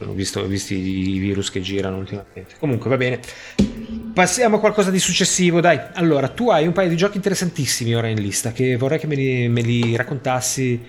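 A man's voice: medium pitch, fairly even intonation, fast. Male co-host, playful banter, laughs a lot, light music bed. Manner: playful, laughs often, argumentative. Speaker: co-host of a video game show. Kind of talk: casual banter.

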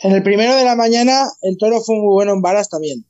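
A man in casual podcast chat, halting and repeating his words. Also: high-pitched, a little mellow. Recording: dull lo-fi sound.

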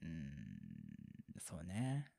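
A husky Kansai-accented man chats as a boyfriend in a whispered role-play, rambling from one thought to the next and laughing at himself. His voice sits at a middle pitch, close and dry to the mic, with breathy asides. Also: wildly swooping pitch, extremely slow, dark tone, no echo. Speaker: boyfriend in a situation voice.

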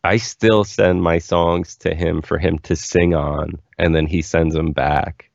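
A man's voice: low voice, fairly even intonation, a little slow, vocal fry, dry recording. A man in his forties from Philadelphia, a musician chatting casually in an interview, rambling and enthusiastic. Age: 40s. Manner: rambling, enthusiastic, says "like" a lot. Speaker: musician guest. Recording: dull, lo-fi, dry sound.

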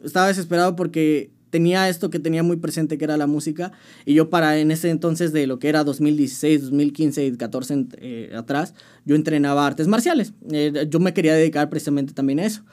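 A man's voice: on the high side, steady tone, fast, a little mellow. A young man with a Mexican accent, chatting casually in an interview and telling his story with slang and frequent restarts. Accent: Mexican Spanish. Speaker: musician guest.

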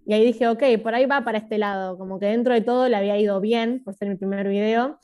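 A young woman who makes videos appears as an interview guest, musing loosely in casual chat and leaning heavily on fillers like "o sea" and "como que." Her medium-pitched voice is fast, smooth, and steady in tone, with the highs cut off.

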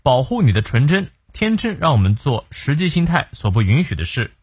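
A man's voice: medium pitch, sing-song, brisk, darkish tone, slightly rough, dry recording, clean studio sound. A man teaching a morning English lesson, explaining a quote word by word.

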